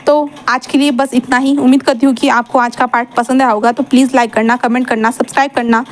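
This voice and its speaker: A woman's voice: high voice, little pitch movement, quick pace. A woman telling a fan-fiction story in a casual, chatty way, full of fillers and English words mixed in.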